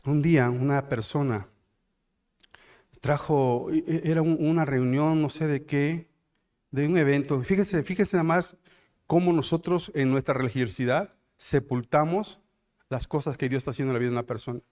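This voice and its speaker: A middle-aged man with a Mexican accent, preaching a sermon as pastor, repeating phrases and slowing down to build loud climaxes. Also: a little high, steady tone. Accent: Mexican Spanish.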